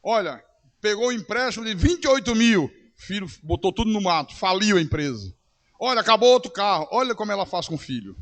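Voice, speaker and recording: A man's voice: high-pitched, a little fast. A man pastor, preaching a sermon in a church, acting out quoted people and asking the congregation questions. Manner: animated preaching with voiced quotes and rhetorical questions.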